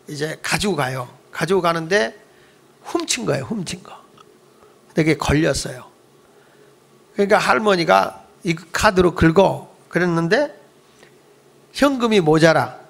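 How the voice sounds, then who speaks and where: A male pastor preaches at a youth service in a conversational, storytelling style, posing questions to the congregation. His voice is high and creaky, with a fairly bright tone.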